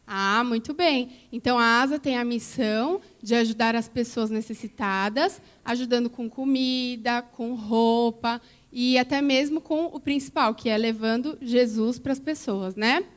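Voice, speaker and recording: Lady telling the kids a church story, fairly high voice, keeps asking them questions. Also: unhurried, few pauses. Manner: coaxing, asks children questions. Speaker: children's story teacher at church.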